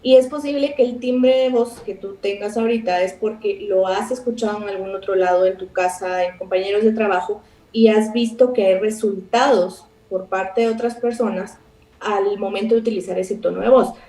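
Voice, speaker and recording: A Guatemalan woman, a psychologist guest, calmly explaining with everyday examples in a radio interview. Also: mid-range voice, moderate pace. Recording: roomy, distant from the mic.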